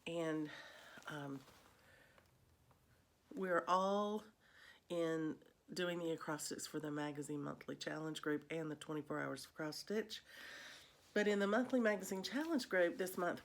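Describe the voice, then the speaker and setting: A woman hosting a vlog chats casually and ramblingly to her viewers about cross stitch. Her voice is deep and slightly congested and froggy, and she takes her time.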